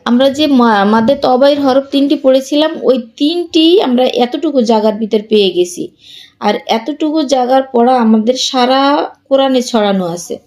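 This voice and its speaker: A woman teaching Quran reading, with a Bangladeshi Bengali accent, patiently spelling out letters and vowel marks and reading each example slowly. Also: high-pitched, a little mellow. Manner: patient, repetitive, explains rules then reads examples slowly. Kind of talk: spelling out and drilling letter sounds.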